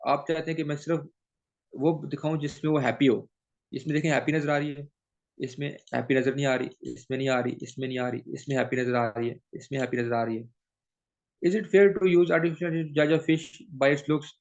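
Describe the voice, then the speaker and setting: A man's voice: fairly high pitch, fairly even intonation, fairly quick, creaky. A man teaching a training session, mixing English into his explanations and often checking with "theek hai?". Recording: dull lo-fi recording.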